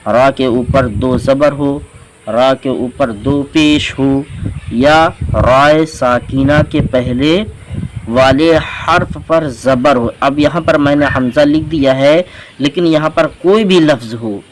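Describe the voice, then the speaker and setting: A man's voice: mid-range voice, slow pace, a little hiss or hum, rough recording. A man teaching Quran reading, patiently spelling out letters and vowel marks syllable by syllable in a step-by-step lesson. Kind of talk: slow step-by-step recitation lesson.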